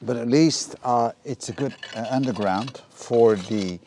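A man's voice: mid-range voice, measured pace, a little mellow. Middle-aged man, DIY vlogger, casual hands-on narration outdoors, faint noise behind. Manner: plain, practical, explains as he works with frequent ums and uhs. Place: outdoors in a garden yard.

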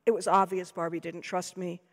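An American woman author reading her own fiction aloud in a dry, measured, deadpan way. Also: on the low side, creaky. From United States. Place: lecture hall. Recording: long hall reverb.

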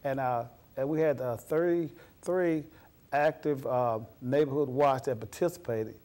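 A man's voice: mid-range voice, unhurried, darkish tone. A middle-aged man, a police officer guest on a TV studio interview, speaking on a lapel mic in an earnest, folksy, plain-spoken way. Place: TV studio set.

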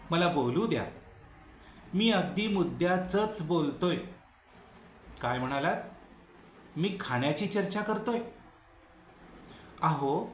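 A man's voice: a little high, reverberant, a little hiss or hum. A man playing a scorned, pleading vulture. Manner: pleading, wry, talking back to unseen hecklers. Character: weary, scorned male vulture pleading with an audience. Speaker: solo monologue performer. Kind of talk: Marathi solo dramatic monologue.

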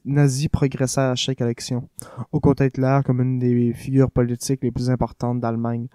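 A man reading an audiobook aloud in a steady, measured way. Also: mid-range voice, no room sound. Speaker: audiobook reader. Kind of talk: audiobook narration.

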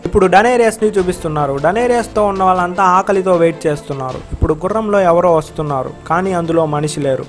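A man's voice: sits high, fast, hardly any pauses, soft background music. A man retelling the plot of a TV episode as a chatty storyteller, speaking the characters' lines himself. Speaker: recap channel host.

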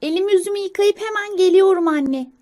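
A woman voicing an eager, cheerful little squirrel child in a storybook reading, with squealing excitement. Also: very high-pitched, quick pace, voice pushed up. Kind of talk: storybook character voice.

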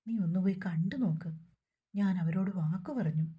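A woman's voice: on the low side, normal speed, slightly rough, muffled recording. A woman voicing a middle-aged mother who coaxes and scolds her grown son in a family story. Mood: coaxing. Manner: coaxing, scolding.

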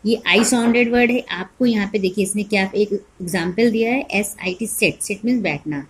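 Woman teacher, husky tone, patient phonics drill for kindergarteners, spells letters then reads the word. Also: medium pitch. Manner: spells words letter by letter, then says them slowly; asks questions and answers them herself. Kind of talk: online kindergarten phonics lesson.

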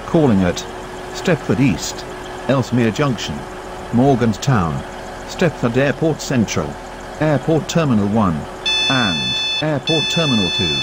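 Slow male station platform announcer. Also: mid-range voice, very animated, very noisy. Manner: measured, evenly paced listing of stops. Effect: station platform public-address announcement. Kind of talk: recorded station announcement in a game.

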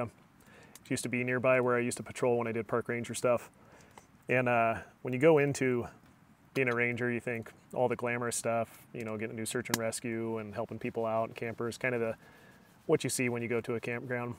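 A middle-aged outdoor vlogger talks fairly quickly in a medium-pitched voice, telling casual stories in a chatty, relaxed way. He's inside a small tent at night for his camping vlog, with slight background noise. Footage comes first from a camera on a tripod, then from a phone held near at arm's length.

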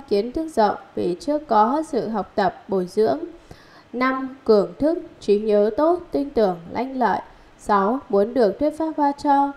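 Woman reading scripture commentary, measured. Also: fairly high pitch. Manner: measured, steady recitation with enumerated points. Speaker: reader of a Buddhist commentary.

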